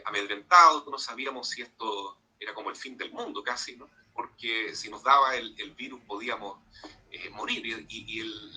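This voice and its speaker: A man, a priest, giving a conversational sermon-style talk to young people, often tagging sentences with little questions and filling pauses. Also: medium pitch, sharp tone, slight background noise, rough recording. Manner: conversational preaching with frequent tag questions and fillers. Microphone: video call microphone.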